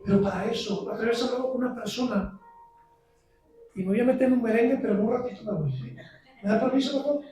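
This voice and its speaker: A visiting preacher, a man, giving an impassioned sermon that builds to shouts. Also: very high-pitched, fast, pauses often, recorded from a distance, faint music behind. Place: church sanctuary. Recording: very echoey church, heard from afar.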